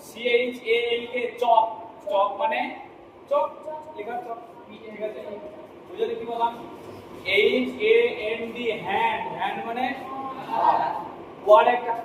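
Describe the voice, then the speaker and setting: A man's voice: very high voice, level tone, a little slow, long pauses. A male teacher giving a classroom lesson, who spells words out letter by letter and keeps asking the class if they follow. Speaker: English teacher. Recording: echoey room from far off, noisy.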